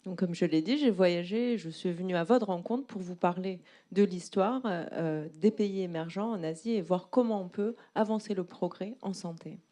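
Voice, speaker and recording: A woman's voice: on the low side, moderate pace, few pauses, mellow. A woman interpreting a presentation live, explaining and rephrasing as she goes.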